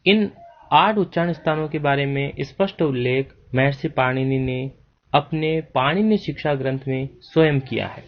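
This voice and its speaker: A man teaching a Sanskrit grammar lesson, speaking deliberately and spelling out sounds one by one. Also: a little high, highs cut off. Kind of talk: slow spoken grammar lesson.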